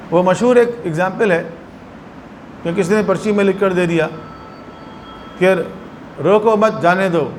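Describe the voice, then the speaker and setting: A man with a high voice and a Pakistani Urdu accent teaches as a religious scholar. He explains verses and acts out short anecdotes to make his point. A faint hum of noise sits under the recording. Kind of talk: religious lecture.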